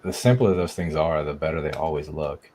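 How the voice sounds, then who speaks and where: A man co-hosting a casual live talk show, speaking haltingly with many restarts and fillers. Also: a bass voice, a little mellow. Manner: halting, restarts, heavy use of "like". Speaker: podcast co-host. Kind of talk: casual chat. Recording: faint background noise.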